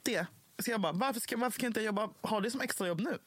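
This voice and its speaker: A woman co-hosting a podcast in casual chat, teasing and swearing freely. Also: a little hiss or hum. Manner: teasing, swings pitch widely, swears freely. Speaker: podcast host.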